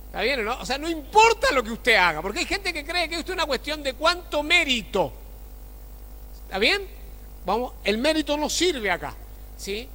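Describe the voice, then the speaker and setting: A high-voiced male pastor preaches in a lively, sharp tone. He keeps asking his congregation rhetorical questions, and his voice rings through a church hall with long reverb. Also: normal speed. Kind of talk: sermon.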